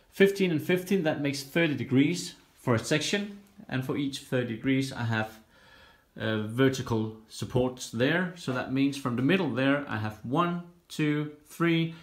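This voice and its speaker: A man casually walking through his home cockpit build, explaining each step plainly with frequent "uh" pauses, filmed on a handheld phone. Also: mid-range voice. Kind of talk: casual build-log walkthrough. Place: indoors in a home workshop room. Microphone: handheld phone camera. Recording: roomy echo in a bare room.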